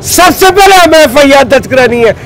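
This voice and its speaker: A very high-pitched, expressive, fairly bright voice belongs to a middle-aged Pakistani market trader leader, who talks at a moderate pace. Interviewed outdoors on a busy city street, he holds forth into a handheld reporter mic, agitated and pleading and gesturing hard. The recording is rough.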